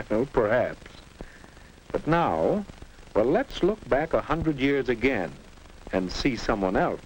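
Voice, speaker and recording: 1950s narrator, patient guide, instructive, very varied pitch, noisy old film soundtrack. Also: male voice, very animated, slow. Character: patient, wise unseen narrator guiding a teenage boy.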